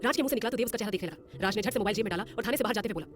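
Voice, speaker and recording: A woman narrating a romantic audio drama in a brisk, expressive scripted style. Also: medium pitch, soft background music.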